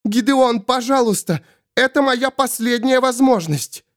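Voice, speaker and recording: A man voicing a possessed woman through whom a desperate man's spirit speaks, pleading and screaming in a high strained voice. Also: unhurried. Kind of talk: audiobook character voice.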